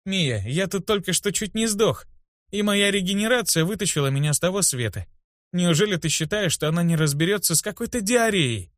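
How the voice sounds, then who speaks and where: A man's voice: high voice, animated, fairly quick, no echo, studio quality, pitched above the performer's own voice. A man voicing a cocky, sarcastic slum boy who jokes his way out of trouble. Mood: cheeky. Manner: wry, cheeky, sarcastic.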